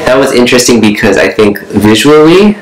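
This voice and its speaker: A man's voice: medium pitch, lively intonation, fairly quick, echoey room, a little hiss or hum, low-quality recording. A young man from Connecticut, a chamber musician, speaking thoughtfully in an interview. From Connecticut, USA. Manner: thoughtful, many "I mean" fillers. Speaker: trio musician being interviewed. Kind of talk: casual interview chat. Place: bright room indoors.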